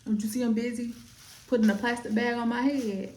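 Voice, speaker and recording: A woman chatting casually while doing makeup, retelling a movie in a sassy, animated way. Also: a little high, a little fast, echoey room. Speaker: makeup artist.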